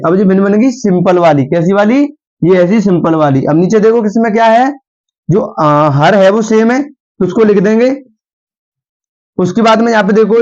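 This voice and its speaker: Patiently repeating each step, a young man leads a math lesson at a board and keeps questioning his students. He speaks in a high, slightly mellow voice, captured with dull lo-fi sound.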